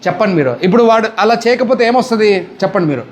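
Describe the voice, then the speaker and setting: A man's voice: high voice, animated, very fast, a little hiss or hum. A male pastor with a Telugu accent preaching a sermon, often firing questions at the congregation and demanding answers.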